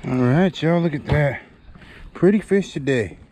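A man fishing from a boat on a lake, chatting excitedly and laughing, filmed on an action camera. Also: on the high side, measured pace. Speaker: fishing partner. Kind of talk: casual chat while fishing.

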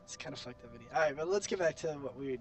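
Sick with a cold, this teenage gaming co-host talks in a slightly high, animated voice at a racing pace, with a crowd audible behind him. He chats and tells stories bluntly over gameplay, swearing a lot, in a clearly noisy home recording.

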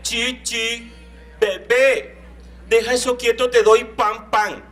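A man's voice: very high voice, level tone, slow, fairly bright tone, soft background music, voice pushed up, full character voice. A man voicing a sweet, doting mother from the capital who coos and pleads with her little boy in a comic story. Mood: coaxing. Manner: coaxing, cooing pet names.

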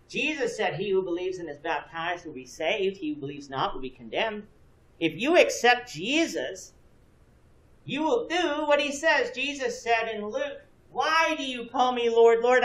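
A man in his thirties teaches a church Bible class, explaining earnestly and putting questions to his students. His voice sits high and a bit bright. He's captured by a far camera with no visible mic in a church classroom with a projection screen, so the room sounds echoey and distant.

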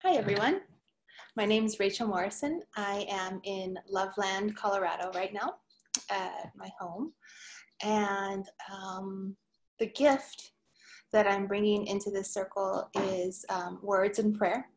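A woman co-host who leads prayer, introducing herself gently and sincerely on a video call from home. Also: medium pitch, steady tone, a little slow, rough recording. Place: her home.

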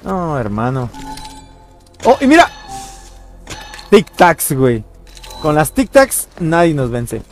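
A man with a Mexican accent giving let's-play commentary, excitable and swearing, yelling at enemies. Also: on the high side, slow pace, long pauses, soft background music. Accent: Mexican Spanish. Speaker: gaming channel host.

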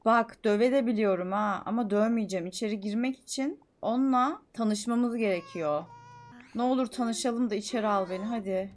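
A young woman streaming a life-sim game, chattering excitedly, scolding the characters and swinging from mutters to shouts. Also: fairly high pitch, moderate pace. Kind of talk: live gameplay commentary.

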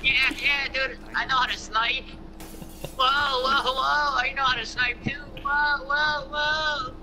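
A man's voice: very high voice, level tone, takes it slowly, pushed and bright, faint music behind, voice pushed up, exaggerated voice. A man mockingly voicing a boastful, whiny little kid playing a shooter game. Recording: noisy game voice chat.

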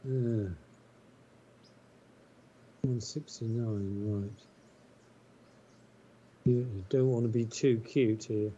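A man playing a golf video game, chatting easily with a friend and thinking out loud as he reads his putts. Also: medium pitch, steady tone, drawn-out words, long pauses, slight background noise. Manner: easygoing, thinks aloud with restarts. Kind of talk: casual gaming chat. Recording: dull lo-fi mic.

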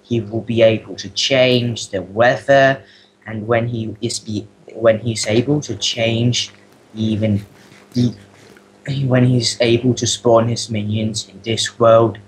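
A man role-playing a solemn time-traveller in a video game, with a slow, portentous, dramatic delivery. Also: medium pitch, flat delivery, background noise, natural voice. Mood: ominous, urgent. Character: solemn time-travelling future soldier warning of a dark lord.

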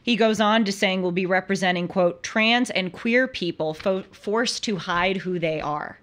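A young woman in her twenties delivers opinion commentary as a talk show host. Her voice sits at an ordinary middle pitch, and she talks emphatically and argumentatively, often restarting phrases. It is recorded in a studio. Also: unhurried, a bit bright. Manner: emphatic, argumentative, with frequent restarts and brief laughs. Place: studio with purple lighting.

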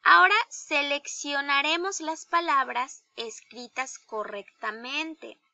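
A woman teacher with a Mexican Spanish accent, giving a slow, deliberate grammar lesson to young children and asking them questions. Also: high-pitched, gravelly, bright, forceful tone, no echo, muffled recording. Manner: slow, deliberate, spells out each example; addresses pupils directly with questions. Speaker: primary school teacher.

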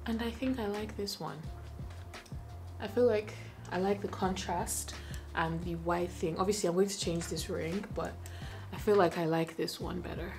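A young woman talks straight to a close camera as she gets ready in her bedroom. Her voice sits a little low, and she chats loosely, thinking out loud. Soft music plays faintly behind her. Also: steady tone, normal speed. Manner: chatty and self-questioning, thinking aloud. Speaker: lifestyle vlogger. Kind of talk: casual chat to camera. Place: bedroom indoors.

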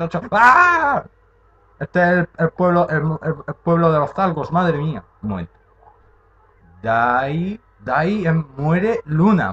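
Jumpy swearing gamer, lo-fi. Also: male voice, medium pitch, slight background noise. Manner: jumpy and excitable, swearing, muttering to himself. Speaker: gaming channel host. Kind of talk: horror game reaction commentary.

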